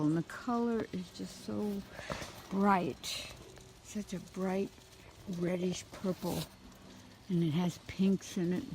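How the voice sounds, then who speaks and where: A woman's voice: lowish voice, noisy background. A middle-aged woman walking outdoors through her home garden, pointing out flowers with gushing enthusiasm on a camera mic. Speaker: gardener giving a garden tour. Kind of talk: casual walking garden tour.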